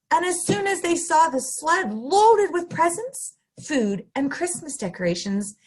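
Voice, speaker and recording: A husky, high-pitched woman leads a children's story time. Her animated picture-book reading is sing-song, exaggerated and full of interaction with the young listeners.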